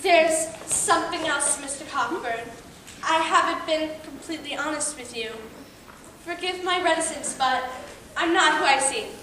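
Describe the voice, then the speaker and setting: A woman's voice: high-pitched, moderate pace, bright, forceful tone, a little hiss or hum. A woman playing a young Victorian daughter who poses as a refined actress, speaking in formal, earnest stage manner. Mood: confessing. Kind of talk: theatrical stage comedy acting. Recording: very echoey, distant stage recording.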